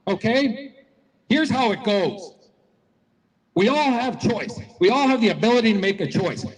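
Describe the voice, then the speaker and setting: High-voiced man addressing an outdoor rally. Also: lively intonation, a little slow, in a large hall, rough recording. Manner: folksy, repetitive, storytelling. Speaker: rally speaker. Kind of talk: motivational speech to a crowd. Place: outdoor public square rally.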